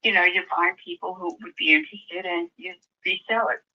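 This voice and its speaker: An older woman selling her house over the phone, answering plainly and slowly and often asking the caller to repeat himself. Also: on the low side. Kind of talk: phone conversation. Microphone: phone call. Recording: dull lo-fi phone line.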